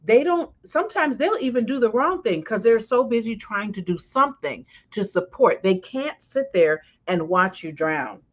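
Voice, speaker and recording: A woman hosting a casual talk show as a coach, telling stories with lively swings when she quotes people. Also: fairly high pitch, moderate pace, few pauses. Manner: animated storyteller, swings loud when quoting. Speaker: podcast host and coach. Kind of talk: casual chat. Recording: slightly dull lo-fi sound.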